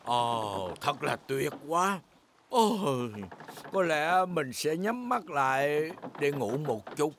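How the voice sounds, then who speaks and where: A man's voice: on the high side, very animated, takes it slowly, very noisy, heavily acted. A man voicing an old grandfather pig, leisurely, genial and helpful, in a dubbed preschool cartoon. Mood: relaxed.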